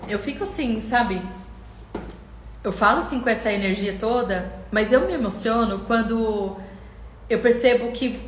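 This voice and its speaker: Passionate woman coach, high voice. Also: a little slow, roomy sound, a little hiss or hum. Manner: passionate, speaks straight to viewers, quotes them in acted voices. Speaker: coach hosting a live stream. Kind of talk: emotional live coaching talk.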